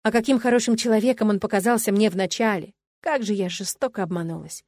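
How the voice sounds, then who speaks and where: A woman reading a first-person story in an even, expressive voice. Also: mid-range voice, fast, no echo. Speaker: audiobook reader. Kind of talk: first-person audiobook narration.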